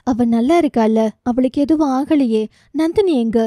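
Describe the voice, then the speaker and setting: A woman's voice: high-pitched, moderate pace, warm tone, dry recording, clean studio sound, lightly acted. A woman voicing an anxious, guilt-ridden grandmother. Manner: worried, pleading questions.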